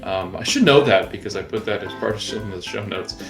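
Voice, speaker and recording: A man's voice: fairly low pitch, animated, brisk, vocal fry, music in the background. A man hosting a baseball podcast in casual chat, rambling with lots of fillers and restarts. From Florida. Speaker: podcast host.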